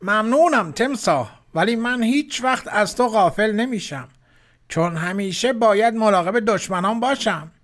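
Guy putting on a high squeaky storybook monkey, clever and sly, sounds kinda different from his normal voice. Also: animated, a bit bright. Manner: sly, playful. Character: clever cautious male monkey. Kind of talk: children's storybook voice.

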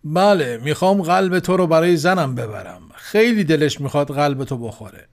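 A man's voice: a little high, expressive, natural voice. A man voicing a foolish, greedy male crocodile in a children's story, blunt and dim-witted.

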